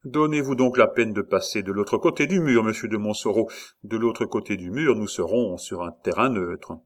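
A man's voice: lowish voice, moderate pace, natural voice. A man voicing a mocking, nonchalant young nobleman about to fight a duel, speaking with airy irony. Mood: coolly ironic. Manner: teasing, ironic, airy.

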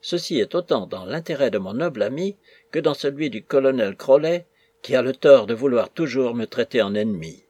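Man voicing a smooth male envoy, placating, persuasive, husky voice, dry close sound. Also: medium pitch, expressive, a little mellow, no echo. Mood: conciliatory. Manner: persuasive, measured pleading.

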